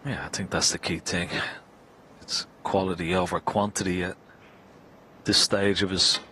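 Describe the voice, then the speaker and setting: A man giving live snooker commentary in a hushed, understated way. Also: deep voice, steady tone, moderate pace. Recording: crowd ambience and background noise.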